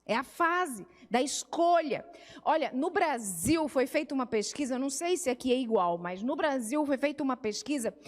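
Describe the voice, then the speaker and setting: High-voiced Brazilian woman in an echoing hall. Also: lively intonation, normal speed. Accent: Brazilian Portuguese. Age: middle-aged. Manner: conversational teaching, acts out family dialogues. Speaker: family therapist. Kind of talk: church family seminar talk. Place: church hall. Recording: reverberant church hall.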